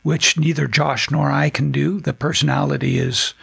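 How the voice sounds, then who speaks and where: A man's voice: on the high side, little pitch movement, moderate pace, gravelly, a bit bright, slightly rough, no room sound. An older man, a band singer, chatting in an interview in a rambling, self-deprecating way, with many restarts. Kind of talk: casual interview chat. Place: studio.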